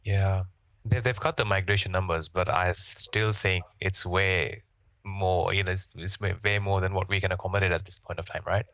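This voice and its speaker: A man hosting an interview in a relaxed, casual way, repeating words as he goes. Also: sits low, normal speed. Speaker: interview host.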